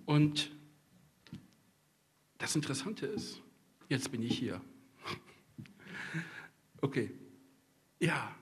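A man's voice: medium pitch, lively intonation, drawn-out words, pauses often, slight background noise. A middle-aged man from East Westphalia, a pastor preaching a sermon, telling personal stories with humorous asides and speaking straight to the congregation. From East Westphalia, Germany. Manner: conversational, addresses the congregation directly.

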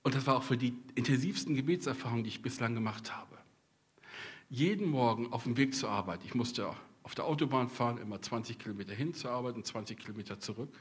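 A middle-aged pastor from East Westphalia, Germany, preaches in a husky, mid-range voice at a quick pace. Conversational and addressing the congregation directly, he shares personal anecdotes sprinkled with humor.

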